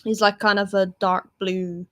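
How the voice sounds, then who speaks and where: A woman's voice: medium pitch, level tone, measured pace, a loud crowd. A woman co-hosting a fan podcast, casually recapping an episode with lots of "like" fillers. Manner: chatty, many "like" fillers and quoted lines. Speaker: podcast co-host.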